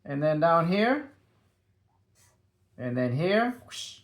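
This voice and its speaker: A man with a high, light voice walks children through a drawing lesson one step at a time. He keeps things upbeat and sing-song, tossing in little whooshes and boops as he sketches. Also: lively intonation, measured pace, fairly bright tone. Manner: upbeat, sing-song, adds playful sound effects.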